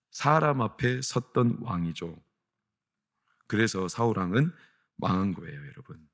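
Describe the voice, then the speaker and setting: A middle-aged man preaching a sermon as senior pastor in a church, asking the congregation questions and answering them himself, with loud, high peaks of emphasis. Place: church sanctuary.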